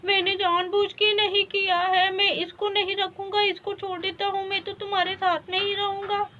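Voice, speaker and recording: A woman's voice: very high voice, flat delivery, normal speed, pushed and bright, dull audio, slight background noise. A woman voicing a clumsy young village husband who is scared of his wife and talks in a flustered, pleading way. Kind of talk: storybook voice acting.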